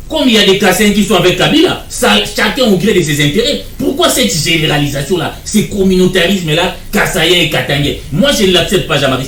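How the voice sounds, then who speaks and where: A man's voice: high voice, fairly bright tone, echoey room, recorded from a distance. A man, arguing as a guest in a televised political debate, insistent and repeating his points. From Democratic Republic of the Congo.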